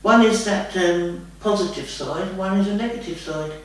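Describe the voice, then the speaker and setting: A medium-pitched woman speaking at normal speed channels as a trance medium during a casual spiritual guidance chat. Her answers are rambling and homely, she calls the listener "lovey," and the recording sounds distant and very echoey.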